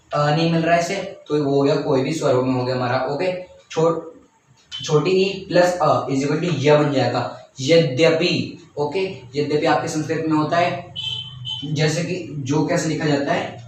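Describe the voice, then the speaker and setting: Young man, teacher, step-by-step explanations, slightly high voice, very echoey room, distant mic. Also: slight background noise. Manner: step-by-step, repeats points, says "okay" often. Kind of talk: explaining a grammar lesson.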